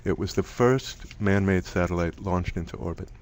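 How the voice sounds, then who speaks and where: A man's voice: deep voice, moderate pace, heavy background noise. A middle-aged man presenting an online lecture, talking conversationally and thinking aloud with restarts. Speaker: presenter from a music archive.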